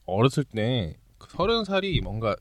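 A man's voice: mid-range voice, big pitch swings, normal speed, dry recording. A man in his late twenties, co-hosting a casual podcast chat, playful and laughing often. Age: late 20s. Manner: playful, laughs often, acts out silly voices. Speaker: podcast co-host.

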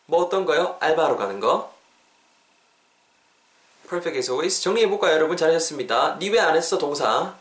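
A man runs a casual English lesson, switching between quick explanation and slowly drawn-out English sentences. His voice sits fairly high and he acts out little scenes with playful exclamations. The recording carries a noticeable room echo. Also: animated, fairly bright tone. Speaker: English teacher and podcast host. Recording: echoey room.

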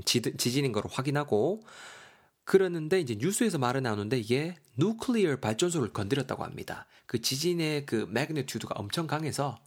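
Husky-voiced man teaching vocabulary. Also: medium pitch. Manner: chatty, spells words letter by letter, reads example lines in English. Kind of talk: casual vocabulary lesson.

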